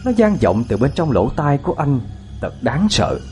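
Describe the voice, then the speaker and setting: Lively ghost-story narrator. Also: male voice, mid-range voice, moderate pace, soft background music. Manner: dramatic, suspenseful.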